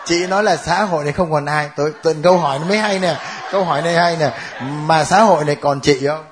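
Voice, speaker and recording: A man's voice: a little high, fast talker, background noise. A man teaching a Bible class, joking and laughing with his students.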